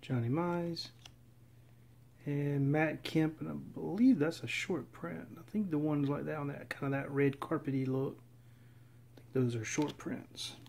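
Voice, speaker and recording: A man casually narrating as he opens packs of trading cards, reading off names in a steady, relaxed list. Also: a little high, a little slow, gravelly. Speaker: card collector opening packs. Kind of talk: casual running commentary. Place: indoors at a table.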